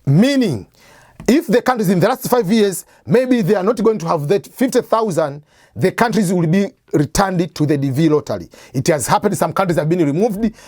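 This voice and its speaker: This explanatory to-camera talk comes from a man who hosts an immigration advice channel, going step by step and conversationally answering questions he asks himself. He has a high-pitched, expressive voice with a darkish tone at normal speed, captured in clean, echo-free studio audio.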